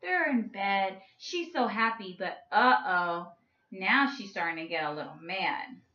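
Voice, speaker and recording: A woman's voice: medium pitch, expressive, unhurried, sharp tone. A woman teaching a children's math lesson through a story, playful and coaxing, stretching out her words. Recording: echoey room with a muffled sound.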